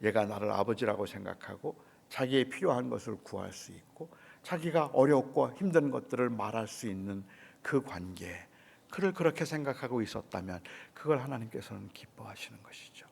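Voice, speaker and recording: A middle-aged male pastor preaching at a dawn service in a church, telling a personal story in a quiet, hushed way. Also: medium pitch, animated, a little fast, gravelly, breathy edge, long reverb tail. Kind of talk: sermon at a dawn revival service. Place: church sanctuary.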